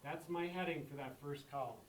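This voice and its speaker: A man's voice: a little high, fairly quick, far from the mic, slight background noise. Male teacher in an echoey classroom. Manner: repeats key points with emphatic checks. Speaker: math teacher. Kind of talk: classroom lesson.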